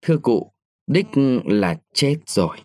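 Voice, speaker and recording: A man's voice: mid-range voice, sing-song, takes it slowly, no echo, studio quality. A man voicing a timid, deferential male servant who gives short, humble answers.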